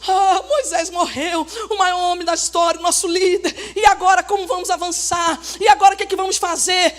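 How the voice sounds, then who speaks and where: A woman's voice: extremely high pitch, steady tone, a little fast, voice pushed down. A woman voicing a grieving biblical leader who anxiously pleads over what to do after a death. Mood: anxious lament.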